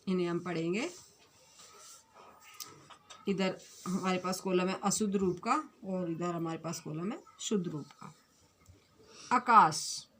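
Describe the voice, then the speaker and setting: A woman's voice: mid-range voice, bright, forceful tone. A woman teaching a fifth-grade Hindi grammar lesson online, speaking in a patient, repetitive way and carefully correcting words one at a time. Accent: Punjabi. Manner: explains slowly and repeats corrections.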